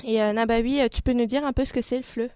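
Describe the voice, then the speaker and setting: Young female radio presenter, higher register, dry studio-like sound, semi-scripted report. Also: fairly even intonation, quick pace, warm tone, clean tone, no room sound.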